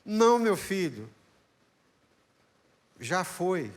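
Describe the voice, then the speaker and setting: A man's voice: high-pitched, sing-song, extremely slow, pitched above the performer's own voice, exaggerated voice. A man voicing an old father who speaks tenderly but firmly to his son. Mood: sorrowful. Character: old father, gentle and sorrowful.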